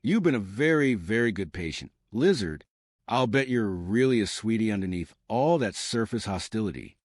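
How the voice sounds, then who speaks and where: A man's voice: on the low side, animated, normal speed, dry recording, clean studio sound. A man voicing a chirpy, kind young heroine, speaking sweetly and teasingly in a comic read-aloud.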